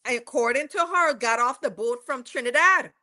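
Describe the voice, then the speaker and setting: Speaking at a normal pace, a West Indian livestream host goes over court testimony, chatting loosely and frequently correcting herself. She has a high, bright voice with a forceful edge.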